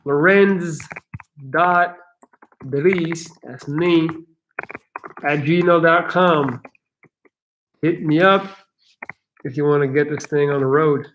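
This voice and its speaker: A man's voice: on the high side, takes it slowly, long pauses, a bit bright, slight background noise. A man from Belgium with an American accent, hosting a casual live chat and answering viewers' questions in a frank, rambling way that restarts often.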